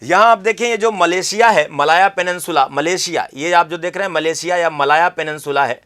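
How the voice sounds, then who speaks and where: A man's voice: fairly high pitch, a little fast, a bit bright. A man teaching an exam-prep geography lesson, repeating key terms and quizzing the viewer with questions.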